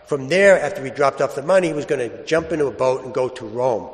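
Priest preaching in long cathedral echo. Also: male voice, mid-range voice. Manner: plain storytelling with pauses and repeated rhetorical asides. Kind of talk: Gospel reading and conversational homily. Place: large reverberant church.

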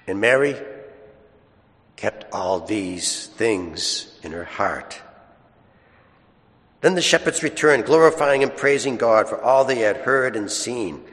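A man's voice: lowish voice, lively intonation, takes it slowly, long pauses, fairly bright tone. A man, a priest, reads the gospel and preaches a chatty homily at Mass, asking his listeners questions, in a church with a long echo. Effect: long echoing church reverb. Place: large church. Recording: echoey church hall with long reverb.

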